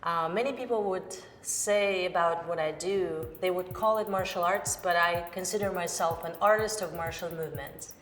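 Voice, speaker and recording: Woman from China, martial artist, slightly low, measured, echoey hall sound. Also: a bit bright, faint music behind. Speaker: martial arts performer. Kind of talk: interview self-introduction.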